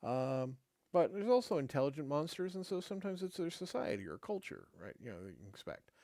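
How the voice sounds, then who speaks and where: Reading a game rulebook aloud on his own show, a middle-aged host adds casual asides and stumbles with many fillers and restarts between passages. His slightly high, dark voice swings widely in pitch, but his dry throat is making it fade. The recording is dry.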